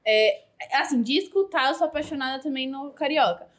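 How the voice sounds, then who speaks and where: A Brazilian woman co-hosting a school interview, chatting and telling quick anecdotes. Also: high-pitched. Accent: Brazilian Portuguese. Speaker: student co-host. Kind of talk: casual interview chat.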